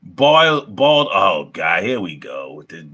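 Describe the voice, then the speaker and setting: A man in his fifties hosts a casual livestream, talking brash, slangy street talk full of profanity and repeating phrases for emphasis. His voice is low-pitched, bright and forceful, very animated yet slow.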